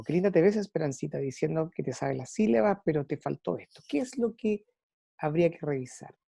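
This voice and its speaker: A woman teacher lectures to her students, pausing often on fillers as she gathers her thoughts. Her voice sits a little low and sounds mellow. The recording is close and dry. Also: no room sound. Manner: thinking aloud with frequent "eh" fillers and restarts. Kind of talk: online class lecture.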